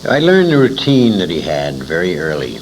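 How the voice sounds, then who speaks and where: Deep-voiced with huge pitch swings, this older American storyteller talks at a moderate pace in an interview. Reminiscing, he rambles emphatically through anecdotes and makes asides to his listener, captured in a noisy amateur 1980s convention recording.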